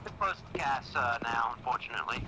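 A man's voice: mid-range voice, lively intonation, fast talker, heavy background noise. A man giving tactical callouts to his squad over game voice chat. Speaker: player calling targets in a military game. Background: loud vehicle and game ambience.

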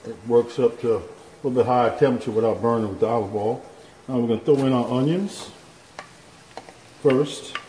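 This home cooking show host has a warm, mid-range voice and a brisk pace broken by long pauses. Standing at his kitchen stove, he casually and folksily talks viewers through every step. The overhead camera catches his hands, while the echoey kitchen picks up faint sounds from the pan.

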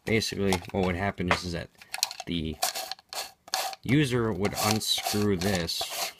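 A man's voice: low-pitched, unhurried, heavy background noise. A man giving an unscripted product demonstration in a matter-of-fact, explanatory way, as a reviewer.

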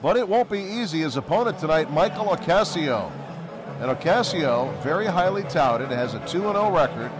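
A man's voice: on the high side, big pitch swings, normal speed. A man giving live television boxing commentary. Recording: broadcast commentary over music and crowd. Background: music and crowd.

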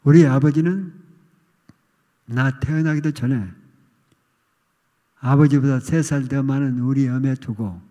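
A man's voice: medium pitch, unhurried, long pauses. Older male pastor, dramatic storytelling. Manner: animated storytelling with acted outcries. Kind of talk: sermon testimony. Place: church sanctuary. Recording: long reverb of a church hall.

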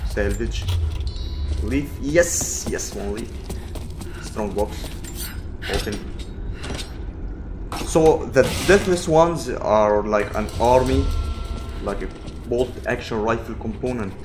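A man's voice: mid-range voice, takes it slowly, pauses often, music in the background. A man hosting a gameplay video with casual commentary, often repeating short phrases. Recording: clear game noise behind the voice. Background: video game ambience.

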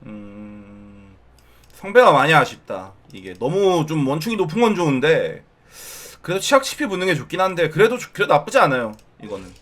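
A man's voice: fairly high pitch, brisk. A man streaming casual commentary on a viewer's game account, teasing, ranting in exasperation and addressing his viewers directly. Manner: animated, exasperated rants with mild swearing.

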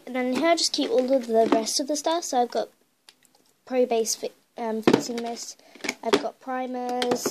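In her bedroom, a young beauty vlogger with a cold walks viewers through her makeup collection, her voice high and croaky. She talks in a loose, rambling way, full of fillers. The audio comes from a handheld phone camera and has a hiss to it.

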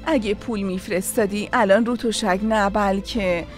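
A woman's voice: medium pitch, fairly even intonation, soft background music, natural voice. An actress dubbing a sarcastic, bossy woman who mocks and orders around her sister-in-law in a TV drama. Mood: mocking. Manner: sarcastic and bossy, hurrying others along. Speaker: dub actress. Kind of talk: Persian-dubbed TV drama acting.

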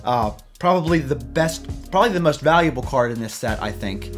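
A man's voice: mid-range voice, expressive, a little fast, music in the background. A man in his thirties with an American accent, hosting a casual, upbeat rundown of collectible card sales from a small room at his desk. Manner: upbeat, loose, conversational. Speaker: host.

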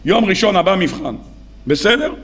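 A man's voice: high-pitched, lively intonation, fairly bright tone. A man voicing a stern, tender old sage. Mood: instructing.

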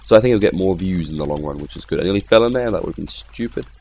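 Young male gameplay host, deep voice, rambling and excitable. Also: rapid-fire, gravelly, a little hiss or hum. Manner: chatty and rambling, with excitable outbursts. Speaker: gaming channel host. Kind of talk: casual gameplay commentary.

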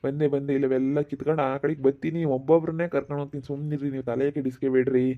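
A man's voice: medium pitch, level tone, narrow, tinny audio, close to an everyday voice. A man from playing a boastful male night thief who coaxes and drawls his words in a singsong way. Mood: coaxing. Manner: singsong, coaxing, drawn-out. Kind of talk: village skit acting.

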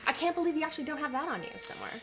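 A woman's voice: high voice, big pitch swings, racing, fairly bright tone. A young woman hosting a casual horror-comedy chat with a sassy, teasing manner. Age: young adult. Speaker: host. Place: indoor horror-themed studio set. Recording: faint music behind the voice.

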